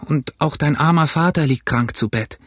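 A man puts on a flustered middle-aged innkeeper's wife, wailing in slow, fretful tones. The husky reading is recorded dry and close. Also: fairly high pitch, fairly bright tone, no echo, pitched above the performer's own voice. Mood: distraught. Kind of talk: audiobook reading.

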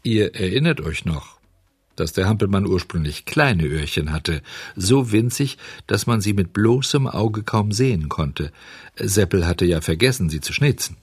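A man's voice: low-pitched, animated, measured pace, husky, no echo. A man reading a storybook aloud, talking straight to his listeners. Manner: warm storytelling, addressing listeners. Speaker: narrator.

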